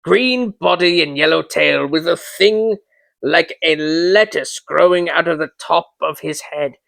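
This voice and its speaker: Man acting excitable old miser, high and exclamatory. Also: a little slow, creaky, no echo. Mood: excited glee. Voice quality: voice between laughing and crying. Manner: exclamatory, earnest. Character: excitable old miser reliving childhood with gleeful emotion.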